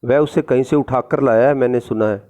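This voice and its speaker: A man's voice: medium pitch, brisk, dark tone, close to an everyday voice. A man doing an indignant talking letter box.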